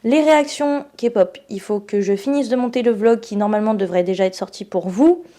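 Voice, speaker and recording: A woman's voice: fairly high pitch, fairly quick, mellow. A tired young woman from France chatting casually to camera in her student vlog, self-mocking and laughing often. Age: young adult. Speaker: student vlogger.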